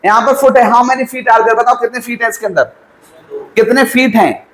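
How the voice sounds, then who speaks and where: Guy teaching a class, keeps asking questions n answering them himself, high voice, echoey room. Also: fairly even intonation, moderate pace, a bit bright. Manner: quizzes students, answers his own questions; mixes Hindi with English terms. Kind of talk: classroom lecture.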